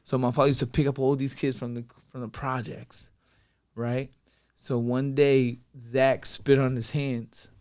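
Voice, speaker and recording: Speaking unhurriedly in a smooth, medium-pitched voice, a man from Brooklyn, New York tells casual stories as a podcast guest. He's animated and performs the voices of the people involved, his father's among them.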